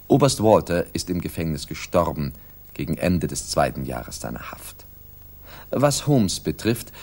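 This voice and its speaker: Doctor as chronicler, deep voice, composed, measured literary narration, radio drama. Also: male voice, breathy edge, exaggerated voice. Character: male doctor chronicling his detective friend's case, composed.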